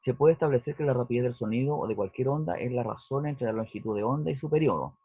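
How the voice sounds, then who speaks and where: Male physics teacher, slightly husky voice, tinny phone-like sound, walks through a lesson and keeps checking in with students. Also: mid-range voice, expressive, fast, no room sound. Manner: explanatory, checks in with "¿cierto?" and "¿ya?". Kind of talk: recorded lesson walkthrough. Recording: dry, husky, phone-like narrowband audio.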